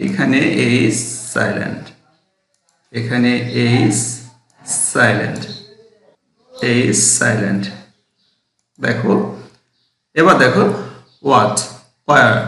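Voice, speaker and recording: A male teacher gives a phonics lesson, drilling each word over and over. His voice is gravelly at mid pitch. The room around him is echoey. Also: fairly bright tone. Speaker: English teacher.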